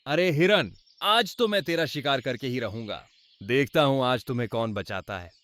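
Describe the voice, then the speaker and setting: A man's voice: medium pitch, expressive, normal speed, a bit bright, no echo, natural voice. A man voicing a cunning, vengeful male wolf in a cartoon, talking in a scheming, menacing way. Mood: threatening.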